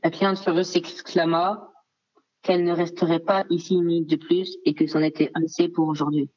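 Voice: medium pitch, little pitch movement, moderate pace, darkish tone, highs cut off, slight background noise. A student giving exercise answers carefully during an online class, heard over a video call.

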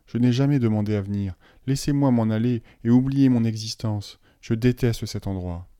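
A man's voice: fairly low pitch, moderate pace, dark tone, no room sound, clean studio sound, lightly acted. A man voicing a frightened but defiant schoolboy who pleads and bursts out in anger. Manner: pleading, rising to angry outbursts.

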